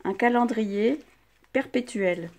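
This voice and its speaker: Older French woman, craft vlog host, low gravelly mellow voice, gushing and chatty, phone mic. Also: takes it slowly. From France. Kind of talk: casual unboxing chat.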